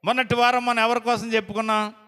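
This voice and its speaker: A man preaches in a high, bright, crisp voice, firing question after question at his congregation and calling out loud praise. His voice carries a long reverb that rolls around a church hall. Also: flat delivery, fast. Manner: call-and-response, quizzing the congregation with repeated questions; exclaims praise loudly. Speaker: pastor. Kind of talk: sermon. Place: prayer house hall.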